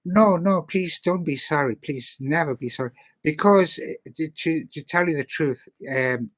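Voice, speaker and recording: With a slightly high, somewhat bright voice and a measured pace, this South African man speaks as a guest artist in relaxed interview conversation, recorded with no echo. His accent comes across as English, not South African, and he meanders, dropping "you know" again and again.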